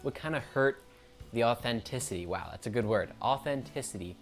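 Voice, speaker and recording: A YouTuber talks casually to the camera in an unscripted monologue, rambling and correcting himself mid-sentence. His medium-pitched voice is animated and brisk, and he stutters now and then.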